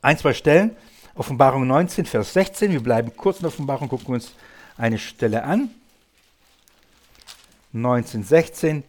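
A man's voice: mid-range voice, lively intonation, moderate pace, pauses often. A man preaching a Bible teaching sermon, emphatic and full of rhetorical questions.

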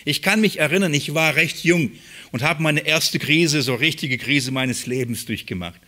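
A man's voice: a little high, moderate pace, pushed and bright. A man preaching a sermon, earnest and emphatic, often repeating words for stress.

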